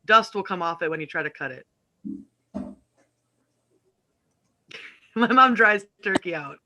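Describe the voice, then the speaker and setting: A man co-hosting a casual live show from home over a video call, playful and quick to laugh. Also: sits high, expressive, sharp tone, slight background noise. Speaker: co-host of a live online talk show. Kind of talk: casual joking chat. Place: at home, family in kitchen nearby.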